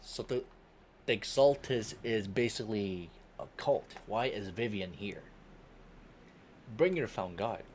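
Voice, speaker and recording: Low-voiced man streaming a game. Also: animated, a little slow, a little hiss or hum. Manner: thinking aloud, casual, chuckling. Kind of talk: live game reaction.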